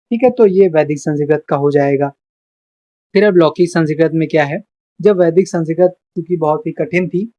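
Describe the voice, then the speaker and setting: Tutor with a dull lo-fi recording. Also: mid-range voice. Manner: checks in with frequent "okay" between points; lists terms one by one, steady explanatory delivery. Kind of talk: exam-prep lecture, reading notes then explaining.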